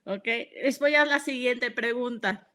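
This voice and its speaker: A woman's voice: fairly high pitch, a little slow, sharp tone. A woman speaking as a panelist, earnest and affirming. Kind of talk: online panel discussion.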